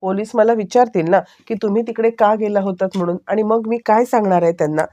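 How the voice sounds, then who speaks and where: A woman's voice: mid-range voice, fast, warm tone, dull audio, lightly acted. A woman voicing an anxious middle-aged woman who pleads and explains herself. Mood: pleading.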